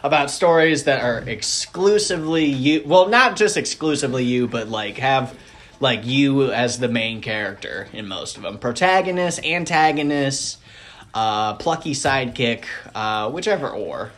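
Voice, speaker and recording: Lively young man hosting a podcast. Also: medium pitch, normal speed. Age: 20s. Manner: animated storyteller, loud acted quotes. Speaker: podcast host. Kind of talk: casual interview chat.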